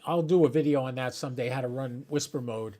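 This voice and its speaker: A man hosting a ham radio hobby channel speaks quickly in a warm, medium-pitched voice while casually demonstrating something live on his computer and thinking out loud to his viewers.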